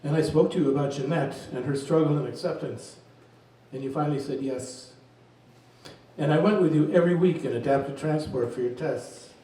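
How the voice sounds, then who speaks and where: A man reading his poems aloud at a reading event, in a slow, measured voice. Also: on the high side, dark tone. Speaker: poet reading his work. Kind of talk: poetry reading. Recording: very echoey room, distant mic.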